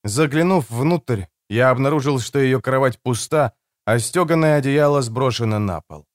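A man's voice: mid-range voice, moderate pace, no room sound, studio quality. A male narrator reading a first-person action audiobook with tense, dramatic storytelling.

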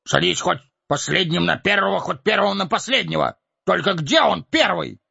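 A man voicing a snarling, bad-tempered male troll in an audiobook, hissing and shouting in a gravelly voice. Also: high voice, animated, normal speed, voice pushed up, full character voice. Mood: scornful. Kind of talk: audiobook character voice. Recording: dull lo-fi audio.

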